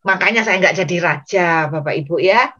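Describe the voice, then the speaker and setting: A woman evangelist preaching a sermon, telling the story in a lively way and speaking straight to the congregation. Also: on the low side, normal speed. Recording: dull lo-fi recording.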